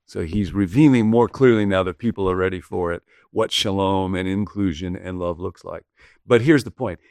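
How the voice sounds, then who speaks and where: A man gives a sermon-style lesson in a conversational, explanatory way, reading scripture and adding casual asides. His voice sits low with a gravelly edge. The sound is dry and close. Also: normal speed, a little mellow, no room sound. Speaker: pastor. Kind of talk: sermon-style video teaching.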